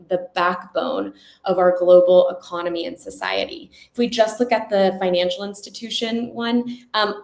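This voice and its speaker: A woman giving an upbeat, salesy recruiting pitch with slides, speaking conversationally and often checking in with listeners. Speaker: company recruiter. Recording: echoey room sound.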